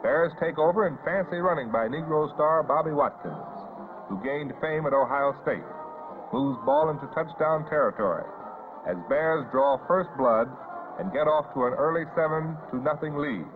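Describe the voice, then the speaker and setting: A man's voice: fairly high pitch, moderate pace. An American man reading scripted 1950s newsreel narration in an announcer's delivery. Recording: muffled vintage newsreel audio, phone-like band. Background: loud background music.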